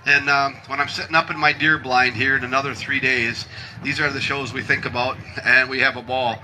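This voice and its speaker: A man's voice: medium pitch, level tone, a little fast, bright, forceful tone, slight background noise, low-quality recording. A man from Michigan emceeing an outdoor timber show, cracking jokes and teasing the crowd. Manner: wisecracking, self-deprecating, teasing the audience. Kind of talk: joking crowd banter over a PA. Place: outdoor festival stage.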